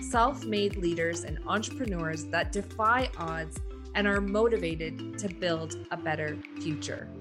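A woman hosting an interview podcast, reading introductions and asking questions with upbeat enthusiasm. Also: fairly low pitch. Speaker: podcast host.

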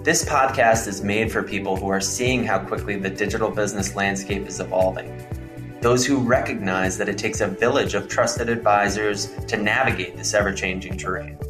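Deep-voiced male podcast host. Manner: polished, upbeat broadcaster delivery. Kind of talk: scripted intro, then interview chat.

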